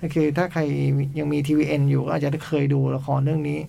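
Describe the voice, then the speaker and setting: A man's voice: on the high side, level tone, fast, vocal fry, mellow, a little hiss or hum. A man hosting a casual chat, explaining at length and laughing often. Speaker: podcast host. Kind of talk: casual chat reviewing a series.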